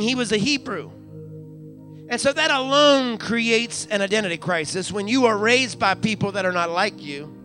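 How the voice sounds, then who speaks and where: A man with a high, bright voice, an American preaching pastor, delivers a live sermon in a church sanctuary. Building to raised climaxes, he leans on repeated phrases, frequent hallelujahs, and call-outs to the congregation.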